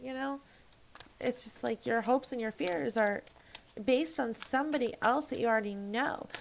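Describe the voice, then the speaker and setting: Gravelly, frank-talking woman tarot reader. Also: on the high side, moderate pace, a little hiss or hum, low-quality recording. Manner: frank and emphatic, swears freely, rambles with restarts. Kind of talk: casual tarot reading to camera.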